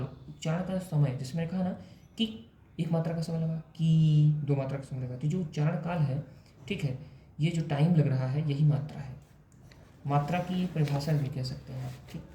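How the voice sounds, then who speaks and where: A man's voice: on the high side, warm tone, roomy sound, slight background noise. A man teaching a lesson, explaining step by step with frequent check-ins and the occasional self-correction. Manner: self-correcting, drawn-out examples. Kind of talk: explanatory lesson on poetic meter.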